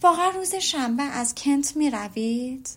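A woman's voice: sits high, pitched above the performer's own voice. Woman voicing a witty young lady, teasing. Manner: ironic, lively questioning.

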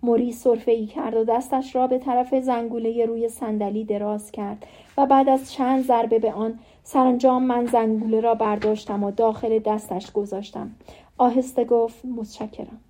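A woman narrating an audiobook chapter in a measured, steady reading style. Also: fairly high pitch. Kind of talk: scripted narration.

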